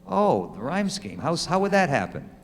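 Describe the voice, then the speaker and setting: A man acting as an attorney, questioning a witness in a mock trial with measured, leading questions. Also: a little high, very animated. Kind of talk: courtroom examination in a mock trial. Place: courtroom. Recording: long hall reverb.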